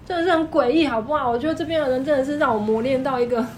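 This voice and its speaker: A woman with a Taiwanese Mandarin accent rattles through her shop stories at a brisk clip, her voice sitting a little high. She talks in an animated, emphatic way. A faint hum of room noise sits under her. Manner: animated, fast-talking, emphatic. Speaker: guest, clothing shop owner. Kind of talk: casual storytelling chat.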